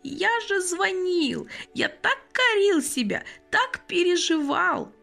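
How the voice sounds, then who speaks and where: A woman's voice: high voice, sing-song, moderate pace, gravelly, bright, forceful tone, soft background music, voice pushed up, full character voice. A woman reading an audiobook, voicing a kind, emotional old man who used to be a train conductor, with a fussy, exclamatory manner. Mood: tearful.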